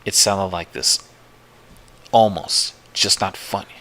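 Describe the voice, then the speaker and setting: A man slowly tells a true-sounding horror story in the first person, swearing often and circling back over his own words. His voice sits very low, yet its tone is sharp and bright. A faint hiss runs under the recording. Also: rough recording. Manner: profane, slow, repetitive retelling.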